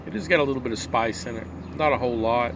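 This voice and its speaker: A man's voice: medium pitch, fast talker. Man musing between pipe puffs, noisy background. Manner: talking while puffing on a pipe; musing, asks himself rhetorical questions. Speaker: pipe tobacco reviewer. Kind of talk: casual rambling video review. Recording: clear background noise, vehicle-like ambience.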